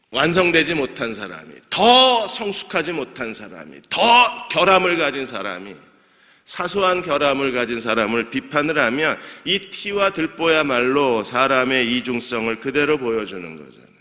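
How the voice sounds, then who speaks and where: In a church sanctuary with long hall reverb, a male pastor with a sharp, mid-range voice preaches a midweek sermon. He asks the congregation questions, answers them himself, and jokes and laughs lightly with them.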